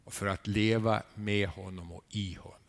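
A man preaching a sermon, animated, asking his listeners rhetorical questions and adding a questioning "eh?" to his lines. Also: lowish voice. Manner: animated storytelling with sudden rises in volume.

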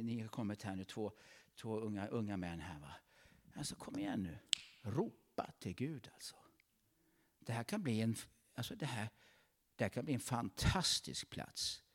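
A man's voice: lowish voice, lively intonation. A man preaching a fervent sermon in a church, calling out praises between his points. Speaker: pastor.

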